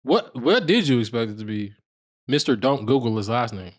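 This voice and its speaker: A man's voice: medium pitch, lively intonation, normal speed. Male podcast co-host, casual banter, teasing, slangy, mid-range voice. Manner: laid-back, teasing, slangy. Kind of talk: casual banter about fashion and basketball.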